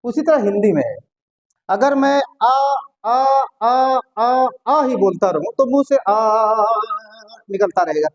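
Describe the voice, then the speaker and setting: A man teaching a casual grammar lesson, who repeats words and drawn-out vowel sounds to show them, often checks whether listeners follow, and drops blunt, joking asides. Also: sits high, big pitch swings, highs cut off. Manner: chatty asides with blunt colloquial humor.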